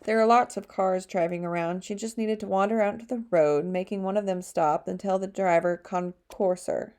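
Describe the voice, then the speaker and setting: A woman narrating an audiobook chapter with a steady storytelling delivery. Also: medium pitch, normal speed. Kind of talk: scripted narration.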